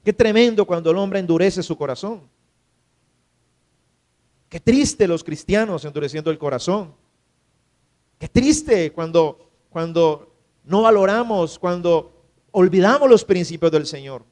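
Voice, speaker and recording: A man's voice: high-pitched, measured pace, long pauses, a little mellow. A man, a pastor preaching a sermon in church and asking his congregation rhetorical questions. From Colombia.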